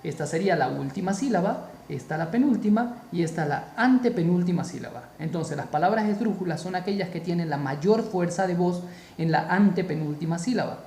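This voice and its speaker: A man teaching a spoken grammar lesson, slow and deliberate, repeating key terms for emphasis. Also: sits high, dark tone, roomy sound, slight background noise.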